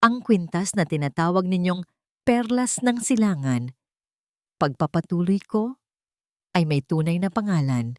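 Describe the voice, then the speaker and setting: A woman with a fairly low, expressive voice narrates a dramatic first-person story from a script. She speaks in deliberate, short phrases, and the recording is very dry.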